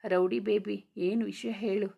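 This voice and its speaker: A woman voicing a cheeky young male friend in a storybook reading, loud and bantering. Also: mid-range voice, fairly even intonation, unhurried, vocal fry, dull audio. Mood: teasing.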